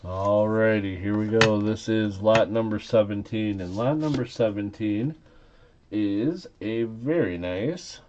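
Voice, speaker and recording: Male auctioneer, unhurried and playful, mellow tone, slightly muffled lo-fi recording. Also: on the low side, slight background noise. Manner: playful, repeats bids and calls. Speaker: auctioneer and live stream host. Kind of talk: casual auctioneer patter on a live auction.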